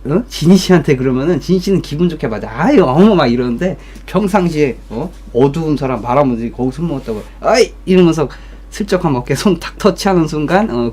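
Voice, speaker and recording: Speaking from his streaming room, a young man offers life advice through a casual story. His voice is medium-pitched, dark and husky, and he's blunt and profane, imitating coworkers by raising his voice.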